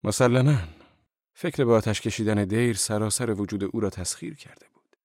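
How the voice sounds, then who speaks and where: Calm low-voiced male narrator. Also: no echo, clean studio sound. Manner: measured, calm storytelling. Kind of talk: first-person audiobook narration.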